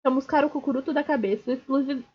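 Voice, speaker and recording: A woman streamer reads a novel aloud at a steady clip and now and then trips over a word and starts it again. Her voice is high. The stream audio is dull and lo-fi. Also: rapid-fire. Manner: steady reading with small slips and restarts. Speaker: streamer reading a book aloud. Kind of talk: live read-aloud of a novel.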